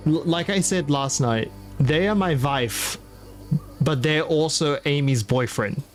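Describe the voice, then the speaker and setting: A man's voice: fairly high pitch, measured pace, soft background music. Playful man chatting before a game. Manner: playful, hesitant, trailing restarts. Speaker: player. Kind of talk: casual pre-game chat on a voice call.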